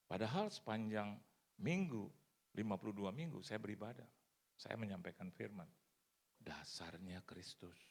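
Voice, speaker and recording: A man in his fifties preaching a sermon in lively storytelling style at a church service. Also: fairly low pitch, gravelly, breathy edge. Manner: lively storytelling, acts out other people's voices.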